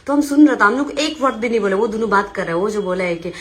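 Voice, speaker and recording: A woman's voice: mid-range voice, animated, fast talker, fairly bright tone. A young woman with an Arunachal Pradesh accent, giving an agitated, insistent eyewitness account to reporters and retelling the dispute with quoted dialogue.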